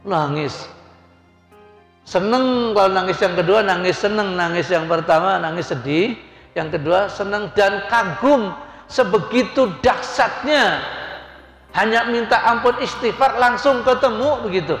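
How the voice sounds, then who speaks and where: A man's voice: sits high, unhurried, a bit bright. A middle-aged man preaching as a hajj guide, folksy and chatty, acting out the people in his stories. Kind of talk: sermon with storytelling. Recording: echoey hall with faint music.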